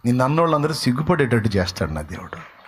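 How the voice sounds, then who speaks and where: A man's voice: big pitch swings, fast talker, a little hiss or hum. A man preaching a sermon, telling stories dramatically and acting out the voices of the people in them. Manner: dramatic storytelling, acting out villagers and David in colloquial voices; swings between loud exclamations and low asides. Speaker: pastor.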